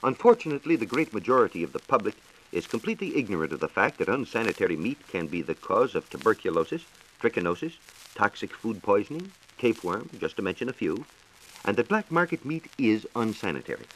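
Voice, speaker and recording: An American science reporter delivers a scripted, formal talk from a radio studio in the 1940s, explaining in a declamatory way. His voice is on the low side, sing-song and quick. The rough recording comes from a hissy 1940s radio transcription disc.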